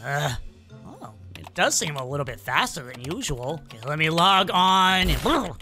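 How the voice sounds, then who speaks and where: A woman's voice: low-pitched, very animated, normal speed, bright, forceful tone, faint music behind, exaggerated voice. A woman voicing a female animatronic fox in a comedic roleplay, exclamatory and questioning. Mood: puzzled.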